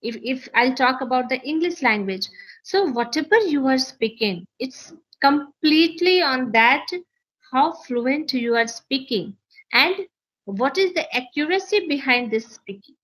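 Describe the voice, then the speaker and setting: The audio is poor, but the woman's voice is clearly high-pitched and animated, a bit bright and a little slow. An English teacher with an Indian accent and Maithili as her mother tongue, she earnestly gives learning advice in an interview, restating phrases to make her points land.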